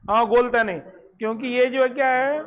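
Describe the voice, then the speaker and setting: A teacher giving a classroom lesson, asking the students questions and slowly repeating each word for them. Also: mid-range voice, steady tone, a crowd in the background. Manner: quizzes students, slowly drills words. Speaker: Arabic teacher.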